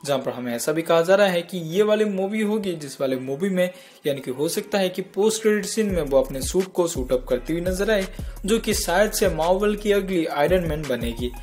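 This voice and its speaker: Guy doing a chatty comic news roundup, high voice, jokey, soft music under it. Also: animated, moderate pace. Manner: chatty, jokey, talks straight to viewers. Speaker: entertainment news host. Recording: faint music behind.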